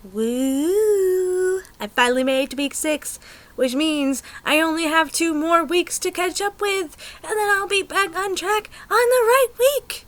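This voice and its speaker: A young American woman chatting to camera in a rambling, excitable way, with many ums. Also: extremely high pitch, unhurried, rough recording. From United States. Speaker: pagan vlogger. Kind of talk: casual chat to camera.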